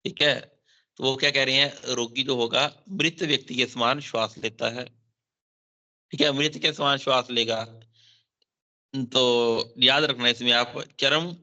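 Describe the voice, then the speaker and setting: A man's voice: mid-range voice, fairly even intonation, measured pace, pauses often, bright, forceful tone. A man teaching Ayurveda for exams, reading Sanskrit verses and explaining them line by line, repeating key terms and often checking in with his students. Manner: mixes in English terms, frequent "theek hai" check-ins. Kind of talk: exam-focused lecture. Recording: dull lo-fi sound.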